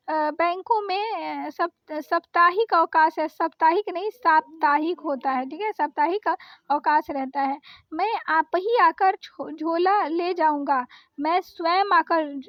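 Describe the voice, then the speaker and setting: Woman teacher, very high voice, patient sentence-by-sentence grammar corrections; dry, slightly dull recording. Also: no room sound. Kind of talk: exam-prep grammar lesson.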